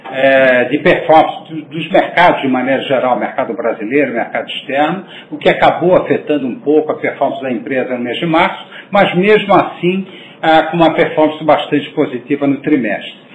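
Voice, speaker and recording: A Brazilian man presenting company results as its president, formal and measured, with halting phrasing. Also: mid-range voice. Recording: noisy, echoey phone-line audio.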